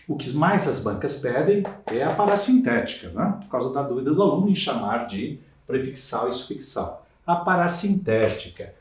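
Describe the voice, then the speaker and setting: A Brazilian man lectures with a lively, wide-ranging pitch, drawing out key words slowly and checking in with "né?" as he teaches. His voice sounds roomy and a little distant from the mic. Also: a little hiss or hum. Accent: Brazilian Portuguese. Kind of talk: recorded lecture.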